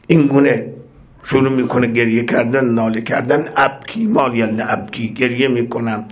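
A man preaching a religious sermon in a mid-range voice. He chants lines of Arabic prayer and explains each one, and his voice climbs into fervent, ringing cries as phrases repeat. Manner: recites Arabic prayer lines, then explains them in Persian; builds to impassioned high-pitched cries on repeated phrases.

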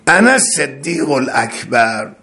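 A man's voice: medium pitch, very animated, pushed and bright. A man preaching a religious sermon in an emphatic, declamatory way, reciting Arabic phrases and then explaining them, repeating words for stress.

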